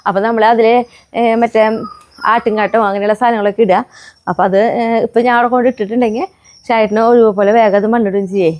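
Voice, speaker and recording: A family vlogger with a Kerala Malayalam accent chats casually to the camera, often tacking friendly asides for viewers onto her sentences and using soft baby-talk with her pets. She has a mid-range voice with a steady tone, speaking quickly and pausing often.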